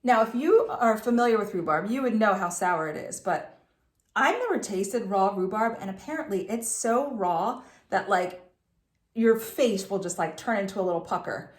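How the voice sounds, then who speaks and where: A woman's voice: medium pitch, lively intonation, normal speed, reverberant. A woman teacher reading a storybook aloud to students, telling it expressively and adding chatty asides.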